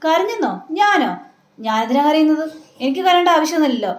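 A woman's voice: high-pitched, brisk, natural voice. A woman reading the lines of a young husband who teases and defends himself, in an echoey room. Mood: defensive. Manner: plain retelling of a man's lines.

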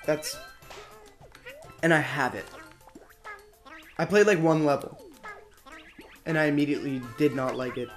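A man's voice: measured pace, pauses often. A young man co-hosting a video game playthrough, jokey and casual, swearing often. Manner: jokey, swears a lot, lively pitch. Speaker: co-host playing a video game. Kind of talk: casual gaming commentary. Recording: faint music behind.

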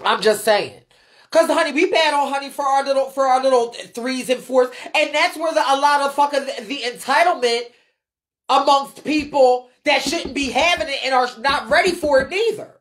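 A woman with a high voice, speaking at normal speed, hosts a livestream and comments on the ballroom scene. Her rant is off the cuff, blunt and emphatic, laced with swearing and heavy slang, and she repeats phrases to drive her points home.

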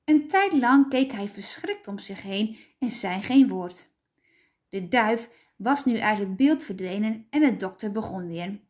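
Woman teacher, storybook read-aloud, slow, lively melody. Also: mid-range voice. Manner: clear, expressive storytelling. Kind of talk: children's storybook reading.

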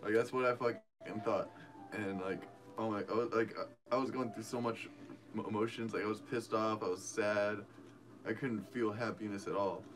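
A man telling a story casually, rambling and halting, with lots of fillers. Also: fairly low pitch, fairly even intonation, poor audio.

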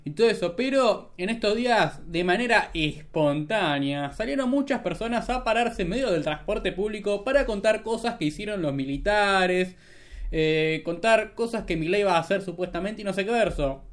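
A man's voice: high voice, expressive, moderate pace. A young Argentine man doing casual political commentary as a streamer, sarcastic and mocking, at a desk mic in a small room. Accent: Argentine Spanish.

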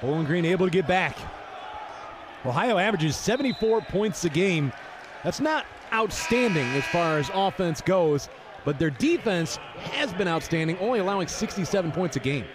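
High-voiced man in fast sports commentary. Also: lively intonation. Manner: clipped, urgent play-calling. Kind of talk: fast live basketball commentary. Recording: noisy arena with crowd behind. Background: crowd and bouncing basketball in arena.

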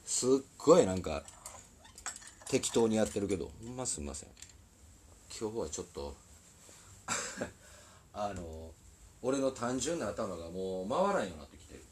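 A musician with an Osaka accent chats casually on a live stream from a recording studio, rambling, apologizing, and laughing often. His voice is on the low side, sing-song and a little mellow, at a moderate pace with frequent pauses. There's slight background noise.

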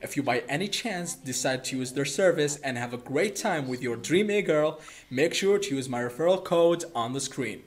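Man, sponsor read, fairly high voice, brisk. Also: animated. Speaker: youtuber host.

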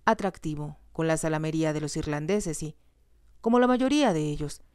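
A woman's voice: deep voice, fairly quick, clear, resonant tone, no room sound, studio quality, natural voice. A woman reading aloud, voicing a male family doctor who speaks steadily and firmly. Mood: measured. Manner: steady, reassuring, stern at times. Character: calm firm family doctor, man.

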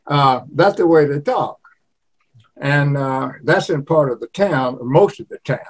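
An older man in his eighties from Louisiana talks in a loose, rambling way. His voice sits a touch high for a man, and he tells his stories as a guest in a casual chat. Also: a little slow. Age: 80s. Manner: rambling storyteller, slips into regional imitations. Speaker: cookbook author and guest.

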